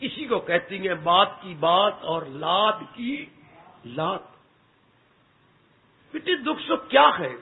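A man's voice: high-pitched, animated, slow, pauses often. A man giving a devotional sermon, telling stories with acted-out dialogue and addressing listeners as his sons and daughters. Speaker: spiritual teacher giving satsang. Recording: tinny phone-like sound.

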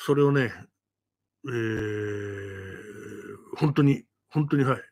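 A man who tells ghost stories, making an announcement to his audience in a lively monologue full of rhetorical questions. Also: lowish voice, slow pace.

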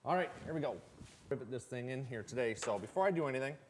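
Talking fast with lively intonation and a medium pitch, the forty-something host of a snowmobile build series gives plain-spoken, folksy instructions. He is in a tool-filled indoor garage, and the workshop recording is noticeably noisy and clicky.

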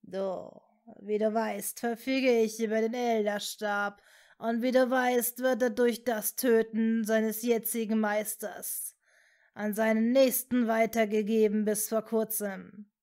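A woman voicing an evil male dark wizard who talks in a cold, mocking, hissing way. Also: on the high side, level tone. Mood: scornful. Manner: slow, scornful, hissing.

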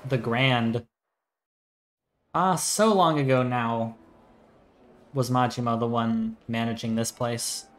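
Very slow-speaking male game streamer. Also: mid-range voice, steady tone. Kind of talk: game streaming commentary, reading subtitles aloud.

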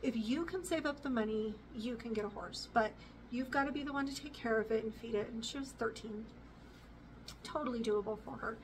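A chatty woman in her forties talks casually to a camera set back in her living room, rambling along with fillers and little laughs. Her voice sits fairly high, and it sounds a bit distant, with faint room noise behind it. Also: fairly quick. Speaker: homestead vlogger. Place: living room with bookshelves, indoors.

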